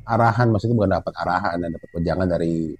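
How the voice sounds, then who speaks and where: A man casually telling a true story from a mountain hike, growing animated and high as it gets tense. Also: fast, husky, dry recording. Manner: animated, rising pitch when excited, Jakarta slang. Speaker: storyteller guest.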